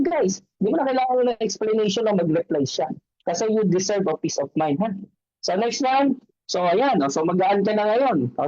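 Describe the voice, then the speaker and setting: A man giving a motivational seminar talk, animated, keeps checking in with the audience with questions. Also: high voice, dry recording, highs cut off. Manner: keeps asking the audience "di ba?" and "tama ba?"; animated, acts out quoted voices. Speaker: seminar speaker on network marketing.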